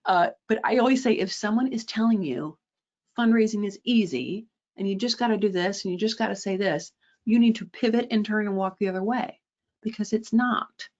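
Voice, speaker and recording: A woman's voice: mid-range voice, normal speed, darkish tone, highs cut off. A woman presenting a fundraising webinar, direct and emphatic, often checking in with a rhetorical "right?" and adding sarcastic asides.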